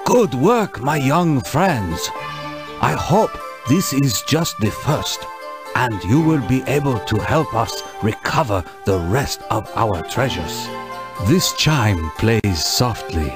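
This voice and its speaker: Over music, a man with an expressive mid-range voice plays a kindly village elder for a children's educational game. He sounds dignified, formal, and patient, with a gentle, solemn mood and a measured, ceremonious delivery.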